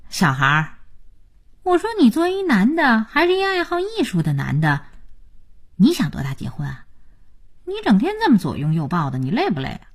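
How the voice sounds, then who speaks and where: A woman's voice: mid-range voice, wildly swooping pitch, normal speed, pauses often, breathy edge, pitched above the performer's own voice, heavily acted. A woman voicing a frank, curious young woman, talking directly and quizzing.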